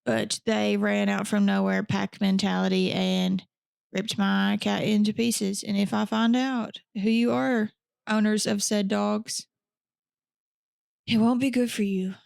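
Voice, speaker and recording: Creaky-voiced woman telling a true crime story. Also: mid-range voice, flat delivery, a little slow, a little mellow, no room sound. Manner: chatty, with blunt profane asides. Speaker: podcast host.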